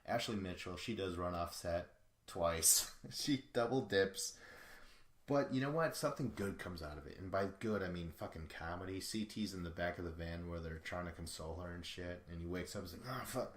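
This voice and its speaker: Low-voiced male podcast host, rambling and foul-mouthed, in an echoey room. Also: brisk, slight background noise. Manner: rambling, profane, chuckling asides. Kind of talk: casual solo recap of a reality show.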